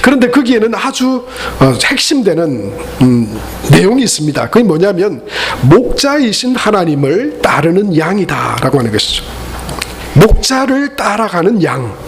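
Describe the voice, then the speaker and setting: A high-pitched male pastor from Korea's Gyeongsang region delivers a Sunday sermon in a church sanctuary at normal speed, with big swings in pitch. He's earnest but tosses playful asides to his congregation. A faint hiss of noise sits beneath his voice.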